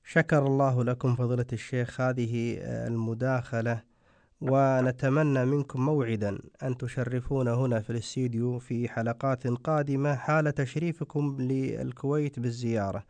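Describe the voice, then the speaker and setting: A man's voice: medium pitch, steady tone, normal speed, a little mellow, no echo. A man hosting radio in formal standard Arabic, with courteous religious phrasing. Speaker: radio host. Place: radio studio.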